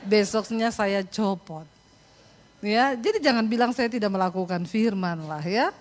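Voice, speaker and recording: A woman's voice: medium pitch, measured pace. A middle-aged woman pastor preaching a sermon, telling stories with laughing asides and addressing her listeners. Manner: animated storytelling, laughing asides.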